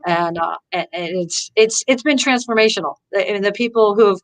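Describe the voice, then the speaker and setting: The recording is low quality, carrying a woman's mid-range voice at an ordinary pace. As an interview guest and golf teacher, she eagerly recounts stories, performing what people said with spirited voices, and keeps restarting and saying "you know" throughout the chat.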